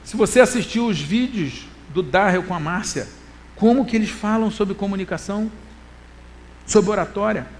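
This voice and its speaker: A middle-aged Brazilian man preaching a church talk, animated, moving between loud emphasis and quiet asides and reading scripture slowly. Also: high-pitched, a little hiss or hum. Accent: Brazilian Portuguese. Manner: quotes scripture in a slow, deliberate reading voice. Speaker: preacher and lecturer.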